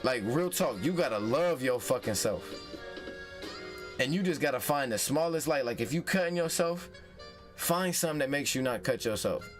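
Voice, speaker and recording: A man's voice: medium pitch, lively intonation, moderate pace, music in the background. A man hosting a casual advice vlog, heated and profane, who repeats phrases for emphasis. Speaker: vlog host.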